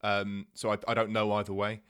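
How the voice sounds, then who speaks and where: Male co-host, lowish voice, rambling casual tech talk, lots of restarts. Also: monotone, fairly bright tone, clean tone. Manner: halting, many restarts and fillers. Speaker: podcast co-host. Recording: podcast mic.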